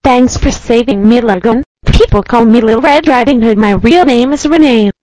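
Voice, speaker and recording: A woman's voice: on the high side, normal speed, a little mellow, no room sound, voice pushed up, lightly acted. A woman voicing a polite, eager little girl in a storybook tale, sweet and earnest.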